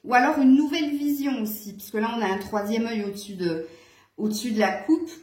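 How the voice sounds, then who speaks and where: A woman with a slightly high voice gives a casual tarot reading to her viewers. She talks in a chatty, meandering way, full of hesitations and fillers. Her voice rings in a noticeably echoey room. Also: fairly quick, darkish tone. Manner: chatty, hesitant with many fillers, occasional laughs. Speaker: tarot reader.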